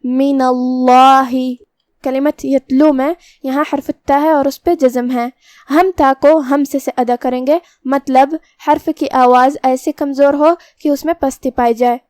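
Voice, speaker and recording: A woman with a high voice teaches recitation rules, explaining each letter patiently and step by step. She slows down to demonstrate words one at a time. The recording is dry and close, with almost no room sound. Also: fairly even intonation, dark tone, no echo. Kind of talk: tajweed lesson with slow demonstrations.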